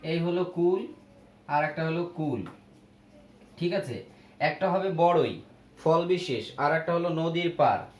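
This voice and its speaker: Male teacher, slightly high voice, patient word-by-word grammar lesson, echoey room recording. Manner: explains slowly, lists words, checks with "ok?". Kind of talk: grammar lesson for young pupils. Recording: echoey room with faint ambience.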